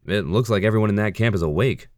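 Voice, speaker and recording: A man voicing an edgy male army lieutenant on a night watch in an audiobook, with quick remarks. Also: on the low side, darkish tone, no room sound, studio quality, voice pushed up, lightly acted.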